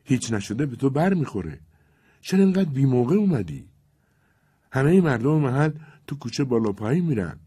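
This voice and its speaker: A man voicing a shy, anxious seventeen-year-old village girl who speaks softly and quietly. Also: medium pitch, big pitch swings, husky, pitched above the performer's own voice. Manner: soft, hushed speech.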